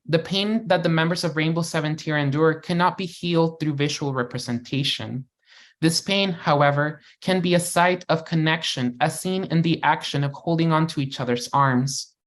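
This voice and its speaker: A panel speaker reading a prepared academic talk in a measured, formal way. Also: mid-range voice.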